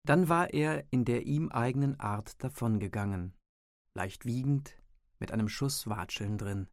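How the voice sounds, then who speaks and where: A man narrating a novel as an audiobook, in measured scripted storytelling. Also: medium pitch, no room sound, studio quality.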